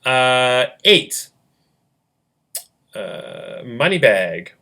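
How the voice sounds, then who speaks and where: A man narrates a board-game round play by play in a chatty, joking way. His pitch jumps around a lot as he talks, and his voice has a bright, forceful edge. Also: sing-song, extremely slow, slight background noise. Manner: chatty, jokey asides, laughs often. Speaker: host running a fan game.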